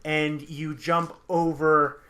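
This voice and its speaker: A man narrates a tabletop game as game master, his voice fairly high and bright. He describes scenes haltingly, often restarting his sentences. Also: level tone.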